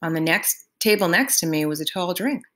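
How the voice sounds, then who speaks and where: A woman reading a novel aloud in first person, unhurried and expressive. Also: fairly low pitch. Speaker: audiobook reader.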